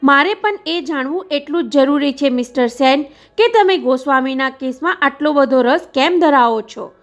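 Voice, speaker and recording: A woman voicing a wary young nurse who answers in cool, measured replies. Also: high voice, lively intonation. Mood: guarded.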